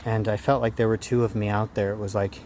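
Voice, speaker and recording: A man talking casually and reflectively to a handheld phone in a rambling vlog, in halting phrases. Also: lowish voice, flat delivery, darkish tone. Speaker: running vlogger. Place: outdoors after a run. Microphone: handheld phone camera at arm's length. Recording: outdoor noise, traffic ambience.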